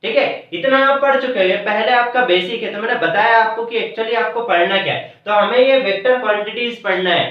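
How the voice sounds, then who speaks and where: A math lesson in a classroom, delivered by a man with a high voice who moves step by step and answers his own questions. The mic sits far away in a heavily reverberant room, giving a dull, lo-fi sound.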